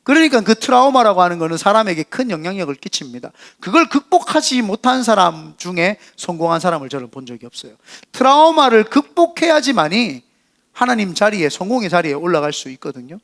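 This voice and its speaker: A man with a rather high voice preaches a church sermon. He moves between a quiet, low delivery and sudden loud, rising calls to get up and try again. Now and then he acts out the mockers' scornful voices. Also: big pitch swings, fairly quick. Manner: impassioned preaching, acting out quoted voices of mockers and encouragers. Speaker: senior pastor. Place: church sanctuary.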